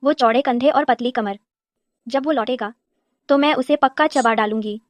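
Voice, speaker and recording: Brash young wife voiced by a woman, dubbed drama, sharp-tongued, bossy, high voice. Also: moderate pace, no room sound, lightly acted. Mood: scheming. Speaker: commander's wife in a 1970s army base drama.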